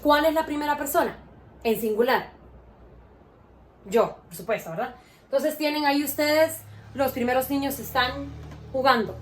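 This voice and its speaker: A woman's voice: high-pitched, moderate pace, long pauses, a little hiss or hum. A woman teaching a grade-school lesson, asking the children questions and praising their answers with patience.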